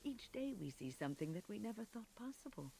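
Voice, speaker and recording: A woman's voice: medium pitch, big pitch swings, a little fast, gravelly, warm tone, a little hiss or hum. A woman playing a wonderstruck adventurer companion in a fantasy game. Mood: marveling.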